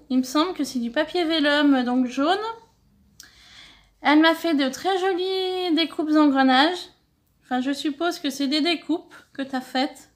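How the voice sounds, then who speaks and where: Woman, middle-aged, from France, high voice, chatty, grateful, stumbles over words, casual vlog. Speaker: scrapbooking channel host. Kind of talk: casual mail-opening vlog.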